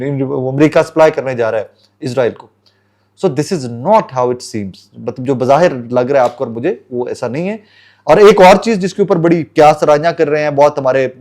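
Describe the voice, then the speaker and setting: An earnest man from Pakistan talks straight to his viewers with a Pakistani Urdu accent. His voice sits at an ordinary mid pitch for a man, and he often drops English phrases into his Urdu as he comments. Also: darkish tone. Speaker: political commentator. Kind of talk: casual commentary to camera.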